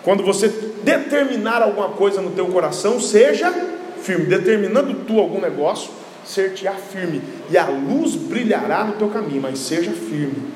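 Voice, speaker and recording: A man with a Brazilian Portuguese accent preaches a fiery sermon, sometimes shouting and sometimes dropping to a low, confiding tone. His voice sits very high. The sound is roomy and echoing, with faint ambience behind it. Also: expressive, moderate pace, a little hiss or hum. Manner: impassioned preaching, swings between shouting and low quiet asides. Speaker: pastor. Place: church. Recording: echoey hall with long reverb.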